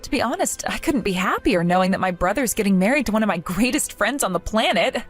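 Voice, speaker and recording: A woman's voice: mid-range voice, lively intonation, quick pace, faint music behind, close to an everyday voice. A young woman voicing an earnest, hurt young woman pleading with a friend who turned on her.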